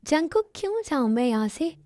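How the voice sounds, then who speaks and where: A woman's voice: high voice, sing-song, moderate pace, warm tone, dry recording, studio quality. A woman voicing a jealous young first wife in a fan dub drama, speaking in an accusing, insistent way.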